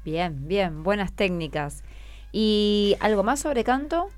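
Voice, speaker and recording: Interviewing schoolchildren on the radio without a script, an Argentine-accented woman keeps them going with short, encouraging questions. She has a medium-pitched voice and speaks slowly over faint music.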